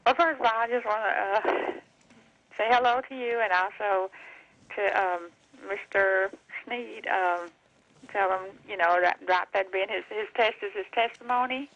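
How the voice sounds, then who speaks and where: A woman's voice: mid-range voice, fairly even intonation, unhurried, fairly bright tone, slight background noise. A woman calling in over the phone, hesitant and apologetic, asking a question with many fillers. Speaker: caller. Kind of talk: casual call-in question. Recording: muffled phone line.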